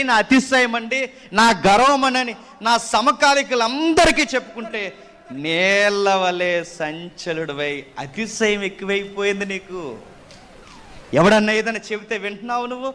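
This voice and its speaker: Male preacher, very high and sharp, fiery scolding youth sermon. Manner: scolding, rhetorical, shouting at times.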